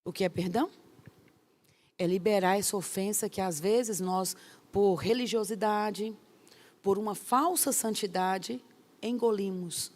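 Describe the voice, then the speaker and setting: A middle-aged woman pastor teaches a course. She speaks emphatically, fires off rhetorical questions and acts out little scenes. Her mid-pitched voice has a gravelly rasp. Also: dark tone. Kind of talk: lively teaching talk.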